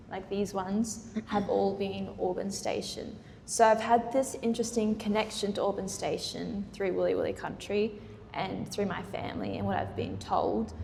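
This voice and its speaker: A woman's voice: mid-range voice, creaky, a little mellow. An Australian woman, a guest artist on a gallery panel, speaking hesitantly and casually with many fillers. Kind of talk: public panel conversation. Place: gallery event space. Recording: roomy hall reverb, faint noise.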